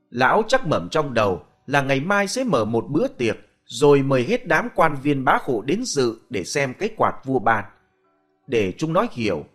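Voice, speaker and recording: A male storyteller narrating a folk ghost story, his pitch rising and falling in a lively way. Faint music plays under the reading. His voice sits at a middle pitch. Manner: expressive, animated storytelling.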